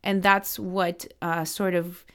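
A woman's voice: on the low side, flat delivery, slow pace. Woman, from Miami, young adult, earnest, passionate, fillers and restarts, interview answers. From Miami, United States. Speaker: political strategist.

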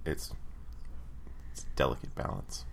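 A man in casual podcast chat, making dry, jokey exaggerations with a straight delivery. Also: unhurried. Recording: faint background noise.

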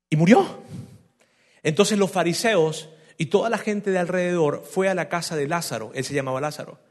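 A man from Venezuela, a pastor preaching a sermon in an animated storytelling way, asking his listeners direct questions. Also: fairly high pitch.

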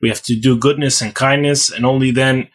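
A man from Ukraine speaks as a rabbi guest on a podcast. He talks earnestly and haltingly, pausing on fillers, in a voice of ordinary middle pitch. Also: steady tone. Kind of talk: podcast interview.

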